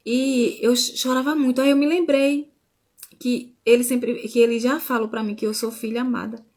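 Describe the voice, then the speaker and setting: A woman's voice: on the high side, level tone, normal speed, darkish tone. A woman from Brazil, sharing a faith testimony in a casual live stream and often saying "né?". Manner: informal, with frequent restarts and "né?".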